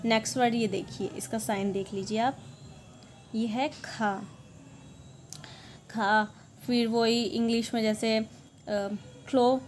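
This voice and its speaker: A woman's voice: on the high side, a little mellow, slight background noise. Patient woman teaching a lesson. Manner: patient, repeats points, often asks "okay?". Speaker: language teacher. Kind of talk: explaining lesson.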